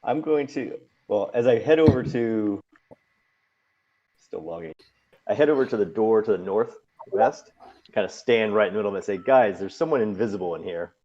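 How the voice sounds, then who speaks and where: Low-voiced man on a dull mic. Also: lively intonation, moderate pace, long pauses, warm tone. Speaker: player. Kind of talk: casual tabletop game play.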